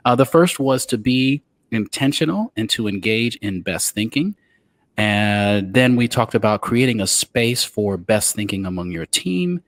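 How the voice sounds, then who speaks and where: Male podcast host, lowish voice, halting delivery with lots of ums and uhs. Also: animated, no echo. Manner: halting, many fillers. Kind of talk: podcast talk.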